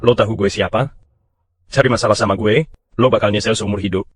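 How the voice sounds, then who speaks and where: A man's voice: lowish voice, fairly even intonation, brisk, a little hiss or hum, lightly acted. An actor playing an arrogant, crude site foreman who bullies a worker and sneers at her. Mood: sneering. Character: arrogant lecherous male foreman bully turned groveling. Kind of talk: short drama acting.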